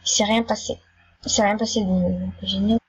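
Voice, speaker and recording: A woman giving casual, chatty commentary while playing an online game, excitable and prone to stammering and repeating herself. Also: mid-range voice, normal speed, husky, highs cut off. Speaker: gaming YouTuber.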